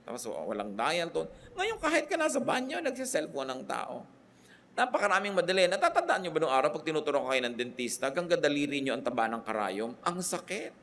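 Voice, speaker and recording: A middle-aged man from the Philippines with a Filipino accent, preaching a sermon as a pastor and switching between Tagalog and English, with emphatic rises and drops in loudness and pitch. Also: big pitch swings, fast talker, a little hiss or hum.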